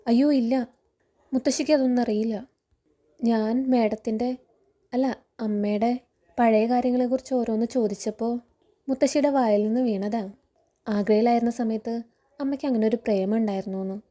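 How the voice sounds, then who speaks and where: A woman voicing an earnest, gentle young woman who pleads softly, quoted in a story recap. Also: a little high, steady tone, fairly quick, pauses often, close to an everyday voice. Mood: earnest, pleading.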